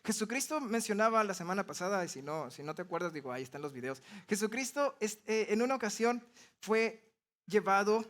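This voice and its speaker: A man's voice: high-pitched, expressive, brisk, a bit bright. A man, preaching a sermon in a conversational way and explaining step by step with everyday examples. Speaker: pastor.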